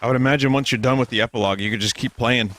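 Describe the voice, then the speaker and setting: A man's voice: mid-range voice, racing, fairly bright tone, slight background noise. A man giving casual, joking commentary while streaming a game, often swearing. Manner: joking, profane, mock voices.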